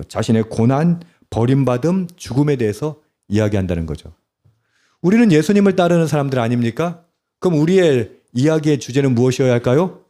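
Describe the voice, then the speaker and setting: A man's voice: medium pitch, warm tone. A male pastor preaching a sermon. He often puts questions to the congregation and repeats key words in short, stressed phrases. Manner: asks the congregation frequent rhetorical questions.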